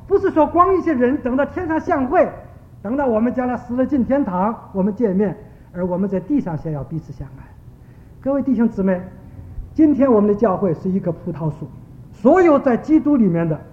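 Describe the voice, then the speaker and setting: A man preaching a sermon, telling stories and acting out the people in them. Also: sits high. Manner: storytelling, animated quoting of characters. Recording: dull lo-fi recording.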